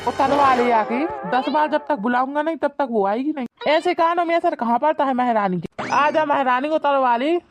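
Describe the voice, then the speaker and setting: A woman's voice: sits high, moderate pace, few pauses, soft background music, lightly acted. A woman voicing a grumbling, henpecked village husband who complains and threatens in rustic dialect in a cartoon. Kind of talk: cartoon voice acting.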